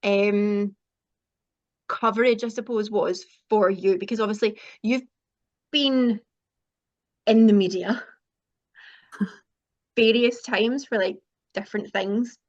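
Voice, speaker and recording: A woman's voice: mid-range voice, fairly even intonation, slow pace, pauses often, highs cut off. A Scottish woman hosting a casual chat over a video call, rambling a little with fillers. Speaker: host interviewer.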